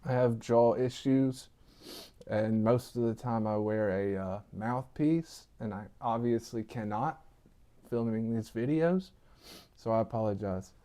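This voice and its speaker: A man's voice: mid-range voice, a little slow, mellow. A man with a lisp giving informal political commentary to viewers, repeating points for emphasis.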